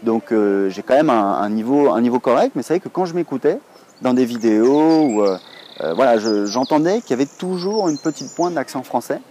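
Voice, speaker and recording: A man's voice: mid-range voice, expressive, brisk, dark tone, slight background noise. A French man in his thirties talking casually to camera, chatty and rambling with many hesitations. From France. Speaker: online English teacher, blogger.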